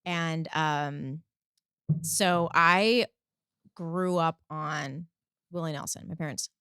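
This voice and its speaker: A woman from Texas talks as a podcast guest in a relaxed, chatty way, laughing easily and drifting into side stories. Her voice sits a little low for a woman. The recording is dry and close, with no room sound. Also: takes it slowly, smooth, no echo. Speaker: podcast guest, singer-songwriter. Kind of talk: casual interview chat.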